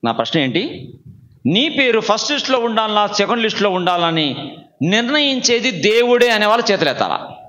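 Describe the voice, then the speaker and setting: A man preaching a sermon, quizzing the congregation and having them raise hands. He swings from low asides to shouted calls. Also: big pitch swings, a little fast, dull audio. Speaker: pastor.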